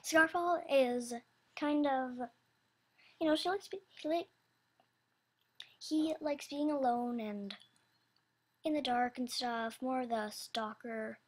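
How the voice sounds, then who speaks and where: A young woman with a high, youthful, slightly childish voice announces voice auditions for an animation in a casual, unscripted chat. She speaks slowly with a steady tone, rambling and hesitating as she hunts for the right words.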